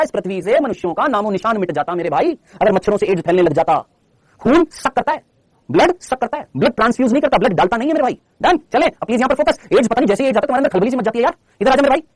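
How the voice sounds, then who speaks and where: Animated, rapid-fire male teacher. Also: very high-pitched, no room sound, studio quality. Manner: chatty, teasing, addresses students as brother and child. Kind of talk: live online class lecture.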